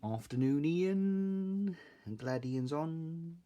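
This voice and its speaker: A man's voice: fairly high pitch, lively intonation, very slow, dark tone, dull audio. A man chatting casually and informally as he hosts a craft live stream. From Salisbury, southern England. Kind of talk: casual live stream chat, greeting viewers.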